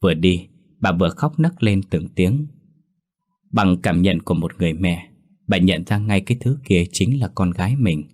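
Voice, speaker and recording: A male storyteller reading a ghost story aloud in a steady, dramatic manner. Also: low voice, normal speed. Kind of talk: scripted horror story narration.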